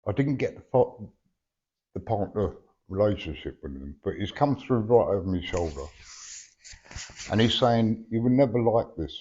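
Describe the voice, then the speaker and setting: In a dull, lo-fi live recording, a toothless medium gives a sitter a conversational reading, his speech slightly slurred. His fairly low, mellow voice is animated and moves at a normal speed with long pauses, and he stays blunt and chatty, frequently checking with "yeah?".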